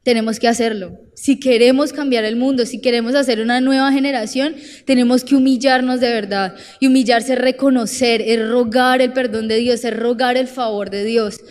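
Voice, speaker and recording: A young woman with a Colombian accent preaching a sermon, animated and direct, acting out the voices she quotes. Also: a little high, normal speed, hardly any pauses, big-room sound. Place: church.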